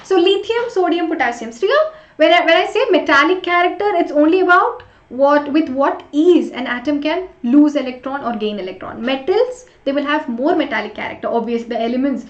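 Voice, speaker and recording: This woman's voice sits high, with lively intonation and a fairly quick pace, as she teaches an interactive online class live. She chats with students and keeps urging them forward with short repeated prompts, recorded with roomy echo and slightly dull sound.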